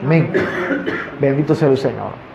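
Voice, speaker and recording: A man's voice: mid-range voice, moderate pace, gravelly, warm tone, slight background noise. A male pastor preaching a sermon to a congregation in a church. He asks the listeners rhetorical questions and speaks to them directly. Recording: echoey, dull church recording.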